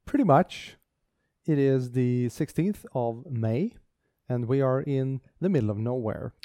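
A man's voice: medium pitch, lively intonation, unhurried, warm tone, no room sound, studio quality. A man co-hosting a casual tech podcast, talking with enthusiasm and frequent restarts. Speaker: podcast co-host.

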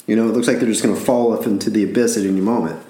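A man's voice: fairly low pitch, steady tone, racing, mellow, echoey room. A man from Alabama with a Southern accent, rambling through a casual story with frequent laughs and repeated words.

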